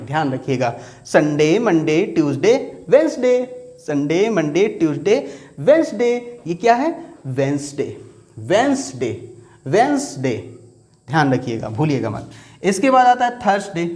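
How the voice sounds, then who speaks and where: A man giving a spoken English lesson, with a pitch that rises and falls a lot. He slows down to repeat each word several times and talks straight to his viewers. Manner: repeats words slowly and drills them; lively, addresses viewers directly. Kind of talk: Hindi-language lesson.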